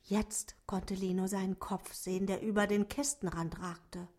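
A woman reading a children's story aloud, expressive and pausing to ask her listeners questions. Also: medium pitch.

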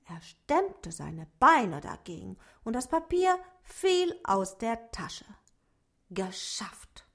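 A woman reading a children's story aloud, expressive and pausing to ask her listeners questions. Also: on the high side, vocal fry.

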